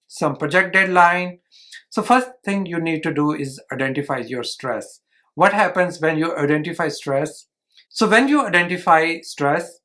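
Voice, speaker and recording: A man's voice: fairly high pitch, fairly bright tone. A man, earnestly summarizing a book chapter for his channel and often restarting his phrases. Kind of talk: informal explanatory book summary.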